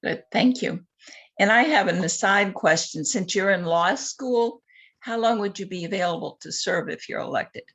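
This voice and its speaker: A woman's voice: mid-range voice, normal speed, a bit bright, breathy edge. A woman interviewing a candidate at a virtual forum, politely reading out questions with a few hesitant asides. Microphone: video call.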